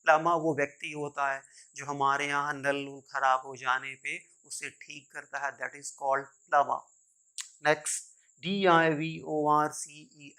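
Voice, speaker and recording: Slow, bright-voiced teacher. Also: male voice, a little high, clear, resonant tone. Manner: spells words letter by letter, then repeats the right pronunciation; mixes Hindi and English, often saying "my dear learners". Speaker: English teacher. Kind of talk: pronunciation lesson.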